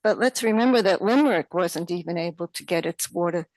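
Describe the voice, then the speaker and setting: A woman with a New York accent giving public comment at a township meeting, halting with many fillers and restarts. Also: fairly low pitch, a little mellow, no echo.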